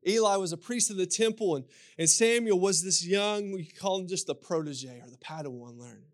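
A man's voice: sits high, brisk. A man with a Kentucky accent preaching as a pastor, telling scripture stories and repeating phrases for emphasis. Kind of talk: sermon with scripture storytelling.

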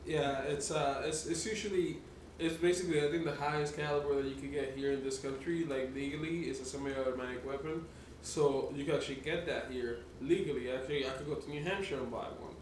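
A man's voice: on the high side, fairly even intonation, fast, few pauses, recorded from a distance. A man telling a story in casual podcast chat, rambling, swearing and laughing often. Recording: echoey room, off-mic, faint noise.

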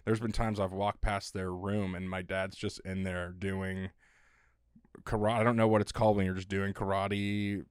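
A man's voice: deep voice, little pitch movement, moderate pace, smooth, dry recording, studio quality. A man co-hosting a casual podcast, telling loose, profane stories and laughing often. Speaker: podcast co-host.

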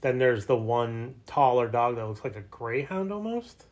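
A man's voice: medium pitch, big pitch swings, moderate pace. A man in his thirties from New Jersey, co-hosting a podcast and telling a rambling, jokey story in casual chat. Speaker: podcast co-host.

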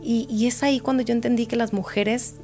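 A woman's voice: a little high, fairly even intonation, brisk, dark tone, faint music behind. A woman guest in a podcast interview, reflectively telling a personal story and repeating words for emphasis.

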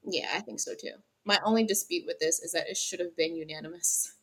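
A woman co-hosting a podcast, chatting about sports in a relaxed, agreeable way. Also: lowish voice, fairly quick. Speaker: podcast co-host. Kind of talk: casual sports chat.

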